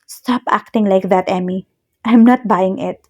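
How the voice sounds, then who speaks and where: A woman's voice: medium pitch, fairly even intonation, measured pace, a little mellow, close to an everyday voice. A woman voicing a cold, angry wealthy young man who curtly turns his ex away. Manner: curt, contemptuous.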